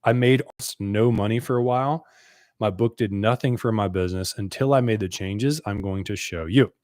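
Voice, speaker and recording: A business coach in his thirties from the United States tells his own story to the camera, earnest and conversational. His voice is lowish and a little mellow at normal speed, captured in a dry, studio-quality recording.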